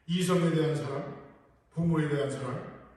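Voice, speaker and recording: A male pastor earnestly preaches in a large church sanctuary, posing rhetorical questions to his congregation. His voice, on the high side with a darkish tone and moderate pace, sounds far off in the echoey hall.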